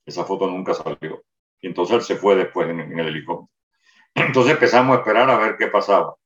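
Older guy talking fast, lowish voice, sounds far off in an echoey room, kinda dull audio. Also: fairly bright tone. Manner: detailed storytelling with restarts. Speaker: interviewee recounting a wartime memory. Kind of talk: first-person testimony. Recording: roomy, distant, dull sound.

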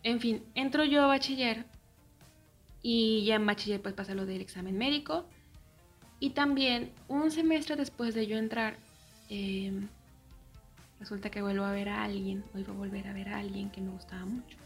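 Young Mexican woman, casual storyteller, mid-range voice, quiet half-whispered asides, faint music underneath. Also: medium pitch. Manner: often drops into soft, near-whispered asides.

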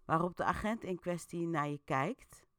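A woman's voice: lowish voice, normal speed, a bit bright, clear, resonant tone, no room sound, clean studio sound. A woman hosting an interactive story, narrating casually with a chatty, playful manner and many fillers. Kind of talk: casual storytelling with audience votes.

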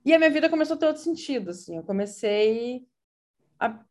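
Speaking fairly quickly in a high, animated voice, a Brazilian interviewee with a gaúcho Portuguese accent relates things casually. Her talk is hesitant and packed with fillers and restarts.

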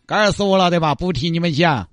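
A man's voice: a little high, animated, fast, a bit bright, dry recording, studio quality, soft background music, pitched below the performer's own voice. A man voicing a stubborn old female beggar with a Sichuan accent, taunting and brash. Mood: defiant. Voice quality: brash, taunting dialect banter.

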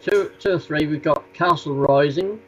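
A man's voice: on the high side, moderate pace. A man with a Norfolk accent, giving a casual interview as a podcast guest over a remote call. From Norfolk, England. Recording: dull, noisy remote call line.

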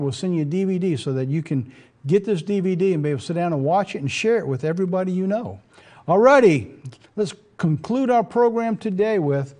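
Male religious program host, soft dark timbre, slightly high pitch, informal emphatic preaching. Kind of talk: informal presenting and preaching to viewers.

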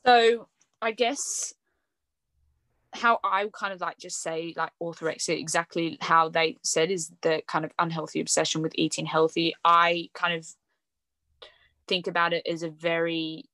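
Woman, podcast host, lowish voice, dry close sound, casual and chatty, lots of fillers. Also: little pitch movement, a little slow, pushed and bright, dry recording. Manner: chatty, fillers like "like" and "um", laughs often. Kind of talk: casual conversational podcast chat.

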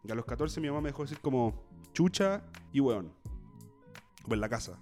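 Fast-talking Chilean young man. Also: medium pitch, expressive, a little mellow, soft background music. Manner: slangy, swears freely. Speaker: podcast co-host. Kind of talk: casual chat.

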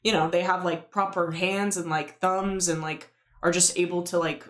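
A woman's voice: fairly low pitch, flat delivery, normal speed. A young woman from Washington state co-hosting a casual podcast, full of "like" and swearing. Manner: casual, filler-heavy, swearing. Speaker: podcast co-host. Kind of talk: casual chat. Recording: roomy echo.

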